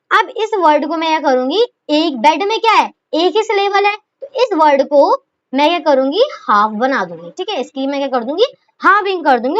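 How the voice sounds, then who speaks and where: A woman's voice: very high voice, a bit bright. A woman teaching a shorthand lesson, asking questions and answering them herself, and calling her students fondly as children. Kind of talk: explaining a lesson. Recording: dull lo-fi recording.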